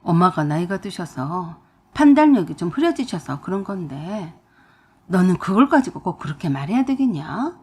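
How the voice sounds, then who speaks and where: A woman's voice: on the low side, big pitch swings, normal speed, a little mellow, breathy edge, pitched below the performer's own voice. A woman voicing an irritated young husband who is curt and dismissive, in a storybook radio drama. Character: irritated young husband, man, sides with his mother.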